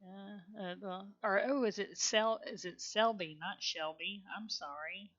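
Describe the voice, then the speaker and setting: A woman with a Southern accent rambles through a game stream in an unhurried drawl, muttering to herself as she goes. Her voice has a bright, forward edge, heard over a dull, lo-fi stream recording. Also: medium pitch. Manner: chatty, rambling, mutters to herself, laughs often. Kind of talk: casual gameplay commentary.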